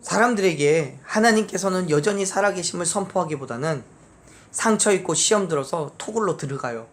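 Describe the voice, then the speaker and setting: A pastor preaching a sermon in a church, leading the congregation through scripture readings and answering with amen, voice jumping high on key phrases. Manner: emphatic, pitch leaps up on key phrases then drops low. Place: church sanctuary.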